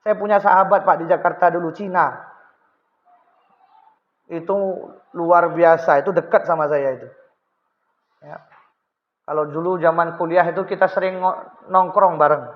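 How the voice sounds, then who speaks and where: High-voiced preacher in a hall. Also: male voice, moderate pace, pauses often, dull audio. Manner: chatty, animated, addresses listeners directly. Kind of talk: sermon with storytelling. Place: mosque hall.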